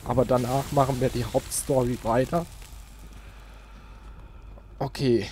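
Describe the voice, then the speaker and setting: Thinking aloud over game music, this let's player and channel host offers casual commentary sprinkled with playful little interjections. His mid-range voice stays fairly even and unhurried, a little mellow. A close desk microphone picks him up along with slight background noise.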